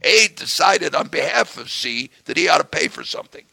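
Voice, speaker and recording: Hoarse male guest, raspy tone, dry close sound, punchy delivery. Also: on the high side, expressive, fairly quick, sharp tone, no room sound. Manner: emphatic, punches key words. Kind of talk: political interview conversation.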